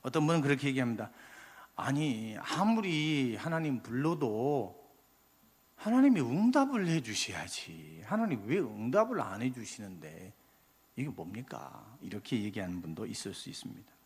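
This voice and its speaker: A male pastor delivers a Sunday sermon in a church sanctuary, his slightly husky voice carrying a long hall reverb. He preaches with passion, pressing key lines loudly and then dropping to near-quiet asides. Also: medium pitch, very animated, moderate pace. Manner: impassioned preaching, rising loud then dropping soft.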